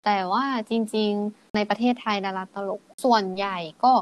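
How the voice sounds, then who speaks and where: Thai woman, podcast co-host, patient teacher, casual chat, slow modeled phrases. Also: medium pitch, fairly even intonation. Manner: explains patiently, models phrases slowly for repetition.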